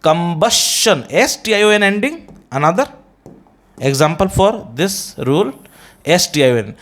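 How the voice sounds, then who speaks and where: Male English teacher with an Indian accent, slightly high voice, slow deliberate delivery, repeats words and spellings for drill. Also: very animated, a bit bright. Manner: mixes Hindi and English. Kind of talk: pronunciation lesson.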